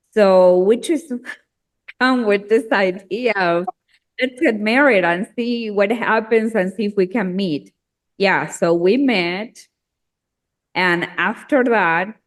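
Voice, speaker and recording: Slow-talking, laughing Argentine-born woman. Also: medium pitch. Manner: chatty, laughs often, slow and unhurried. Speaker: singer-songwriter guest. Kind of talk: casual interview chat.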